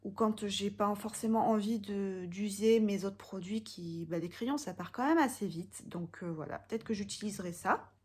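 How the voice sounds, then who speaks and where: A woman's voice: medium pitch, normal speed, hardly any pauses, a little mellow, breathy edge. A young woman from France giving a casual makeup product review, chatty and hesitant with frequent fillers. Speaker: beauty vlogger.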